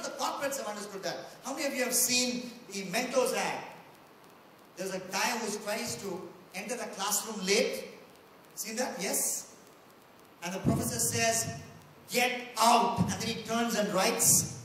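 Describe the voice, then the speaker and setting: A man's voice: high-pitched, fairly bright tone, slight background noise. A man with an Indian English accent preaching a sermon, emphatic, acting out quotes in a raised voice. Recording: echoey hall, mic at a distance.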